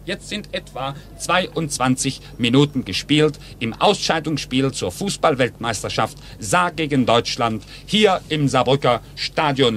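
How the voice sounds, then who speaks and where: Heard on a noisy old 1950s radio recording, a man with a medium-pitched, fairly bright voice calls a football game live from the stadium. His play-by-play is detailed and delivered in short, clipped bursts.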